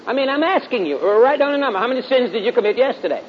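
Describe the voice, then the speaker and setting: A middle-aged preacher with a Southern US accent talks very fast and expressively, telling stories in a folksy drawl and repeating phrases for emphasis. The sermon comes through a dull lo-fi recording with a noticeable rumbling hiss.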